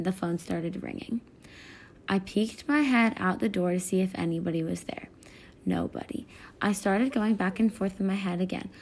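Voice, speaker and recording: A woman narrating a first-person scary story in a hushed way, often sinking into a whisper. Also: mid-range voice, creaky, slight background noise.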